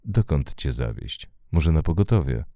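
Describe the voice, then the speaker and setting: A man's voice: extremely low pitch, very animated, moderate pace, warm tone, no room sound, studio quality, heavily acted. A man reading a curt, protective male driver. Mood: apologetic. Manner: curt, commanding. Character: male driver, protective, barely holding his anger.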